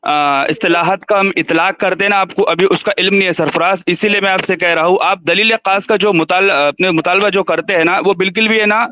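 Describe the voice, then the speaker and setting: Insistent high-voiced man in debate. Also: fairly even intonation, hardly any pauses, sharp tone, clear, resonant tone. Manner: insistent, repeatedly demands to be heard. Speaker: debate guest on a livestream. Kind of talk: heated religious debate.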